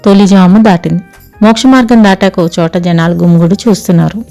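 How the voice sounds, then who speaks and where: A woman storyteller narrating an audio story in a calm, even reading voice. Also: on the low side, brisk, soft background music.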